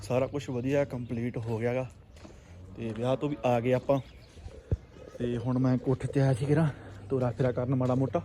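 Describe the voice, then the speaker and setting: A man's voice: mid-range voice, level tone, normal speed, long pauses, dark tone, faint music behind. A man with a Punjabi accent vlogging in casual, earthy chat, exclaiming often and repeating himself. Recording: noisy, birds and ambient sound. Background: pigeons and ambient noise.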